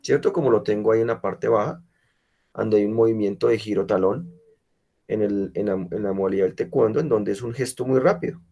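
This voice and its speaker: Fairly low and mellow, this man's voice moves at a fairly quick clip. In an online class, he teaches physical education while suffering from a cold, taking students through the material step by step with many rhetorical check-ins.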